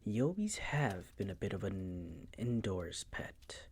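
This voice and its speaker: In an intimate audio roleplay, a man plays a possessive, suave vampire master, hushed and breathy, with a silky, teasing, condescending air. His low, exaggerated voice moves slowly in a sing-song lilt, sounding mocking.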